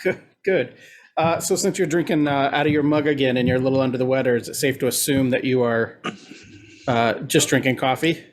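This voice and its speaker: A man's voice: mid-range voice, a little fast. Nasal guy cohosting a chill podcast, easygoing, lots of uhs. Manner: relaxed, chatty, filler-heavy. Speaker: podcast co-host. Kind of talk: casual podcast chat.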